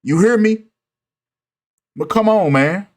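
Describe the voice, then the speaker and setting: Speaking slowly in a high voice, a man gives lively, insistent commentary in a casual video, leaning often on "right?" and "come on, man."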